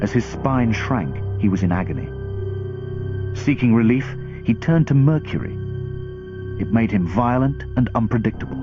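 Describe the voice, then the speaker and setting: A man's voice: mid-range voice, wildly swooping pitch, moderate pace. A man reading scripted, dramatic history narration for a documentary. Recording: slightly dull sound, loud music behind. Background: loud background music.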